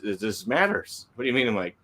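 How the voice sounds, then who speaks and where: Lower-voiced joking man. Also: big pitch swings, fast, bright, forceful tone. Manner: joking, laughs often, swears. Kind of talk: casual chat.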